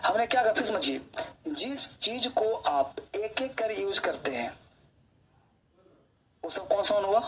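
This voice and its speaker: A man's voice: sits high, expressive, slow pace, long pauses, a little hiss or hum, poor audio. Chatty male teacher quizzing his class. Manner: chatty, keeps quizzing students with questions; tells personal anecdotes while teaching. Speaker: English teacher. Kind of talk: online coaching class lecture.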